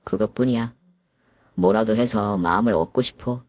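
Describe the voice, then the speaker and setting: A timid young husband, meek and pleading, his voice dropped very low and hushed, as a woman acts him out. It is a close, dry radio-drama reading. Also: normal speed, dry recording. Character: timid soft-spoken husband, young adult man.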